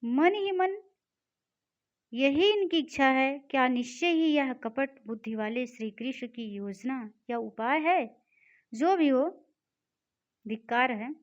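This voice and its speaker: A woman's voice: sits high, lively intonation, slow pace, long pauses. A woman teaching a Sanskrit lesson. She reads each line of the text and then explains it in simple words. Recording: dull lo-fi recording.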